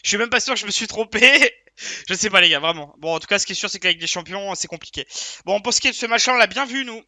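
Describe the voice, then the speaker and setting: A man's voice: high voice, quick pace, bright, forceful tone, no echo. A man giving a casual video debrief as a sports betting tipster, rambling and hesitant, full of fillers, frustrated and questioning himself.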